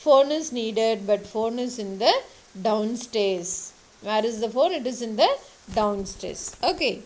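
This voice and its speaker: A woman with a fairly high voice teaches an English lesson. She reads a line of a story, then slowly puts it into simpler words and repeats the key terms. Now and then she slips into to explain. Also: expressive, a little mellow, low-quality recording. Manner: mixes in Tamil for explanations.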